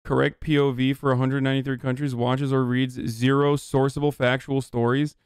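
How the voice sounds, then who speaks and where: A man in his thirties from Turkey, ranting bluntly and profanely as a political streamer in a heated livestream commentary, at home on a boom-arm studio mic. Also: flat delivery, brisk, a little mellow, clear, resonant tone, dry recording. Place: home room, indoors.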